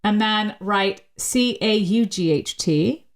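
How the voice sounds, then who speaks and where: A woman sociolinguist explaining language as a guest in a podcast interview, spelling words out slowly and laughing easily. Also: mid-range voice. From United States.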